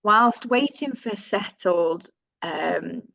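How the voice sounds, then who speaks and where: A woman's voice: medium pitch, animated, drawn-out words, creaky, pushed and bright, no echo, muffled recording. A woman with a Northern English accent presenting survey findings in a webinar, reading out figures with fillers and self-corrections.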